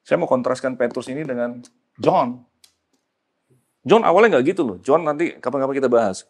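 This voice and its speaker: A man's voice: medium pitch, expressive, brisk, breathy edge. Emphatic man preaching. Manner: mixes slang and English, rises to loud emphatic peaks. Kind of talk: sermon.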